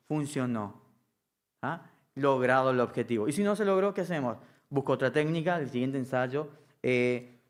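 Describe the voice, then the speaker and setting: A middle-aged man teaching a live music-direction class, often checking that the room is following. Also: fairly high pitch. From Argentina. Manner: keeps checking understanding with a quick "¿sí?".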